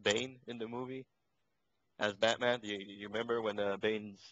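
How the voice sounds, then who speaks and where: A man chats on a podcast in a low voice, animated and quick to laugh. His mic sounds dull and very dry. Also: no room sound. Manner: animated, laughs often, swears. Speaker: podcast co-host. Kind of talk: casual chat.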